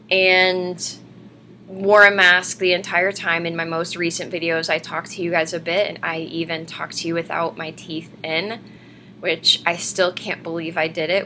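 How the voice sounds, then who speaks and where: A woman gives a casual, chatty vlog update in a bright, forward voice that sits a little low. She rambles along to camera at home, with faint noise in the recording. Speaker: vlogger hosting a personal denture diary. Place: living room at home, indoors. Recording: noisy webcam room recording.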